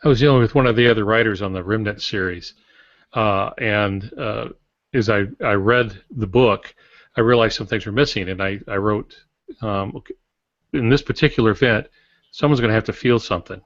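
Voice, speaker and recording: Co-hosting a writing podcast from a small home office, this older writer talks in a casual, teaching manner and leans on anecdotes to illustrate ideas. His voice sits lowish and moves at a moderate pace. The video call audio is dry, dull, and lo-fi.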